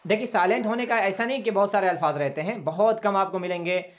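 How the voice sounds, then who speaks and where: A man teaching an online English class over a video call, explaining patiently, repeating points and stretching out example sentences slowly. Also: sits high.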